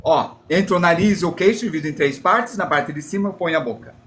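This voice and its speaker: A man's voice: on the high side, fairly quick, fairly bright tone, slight background noise. A Brazilian man teaching a live drawing class, chatty and self-deprecating as he explains while drawing and answers chat. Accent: Brazilian Portuguese.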